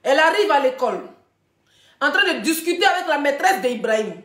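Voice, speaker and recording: Animated high-voiced woman. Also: brisk. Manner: animated storytelling, frequent laughter, asides to viewers. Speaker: live video host. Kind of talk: casual live chat to viewers. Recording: echoey room.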